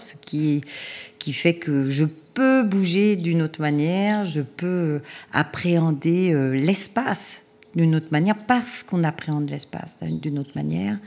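A woman's voice: sits low, a little mellow. A woman from Marseille with a Marseille accent, speaking thoughtfully and searching for her words. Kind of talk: reflective interview testimony.

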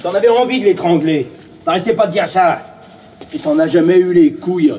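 An actor playing a vicious man who crudely mocks and goads a grieving rival, shouting, in a radio drama. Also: high-pitched, a little fast, a little hiss or hum, close to an everyday voice. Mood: jeering.

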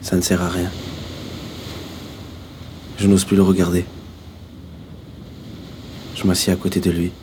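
A man narrating in the first person for a radio drama, quiet, measured and somber. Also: deep voice, monotone. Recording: noisy background.

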